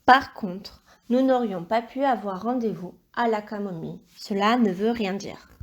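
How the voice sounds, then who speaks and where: A woman teaching a primary school phonics lesson, speaking patiently and spelling out each sound and syllable with careful, clear articulation. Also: medium pitch, measured pace.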